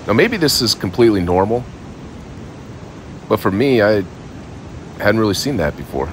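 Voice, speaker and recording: A forty-something travel vlogger talks casually and informally, narrating his trip in a laid-back manner. His lowish voice swings widely in pitch at a moderate pace, with slight background noise. He's filming outdoors on town streets and a beach using a phone at arm's length.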